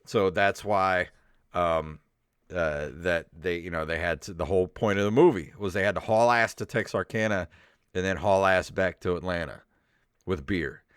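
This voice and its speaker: It's a middle-aged podcast host with a deep, clean, fairly bright voice, speaking at normal speed in a dry recording with clean studio sound. His casual comedic chat and reading aloud are rambling, sweary, and mildly exasperated, set over royalty-free synthesizer music.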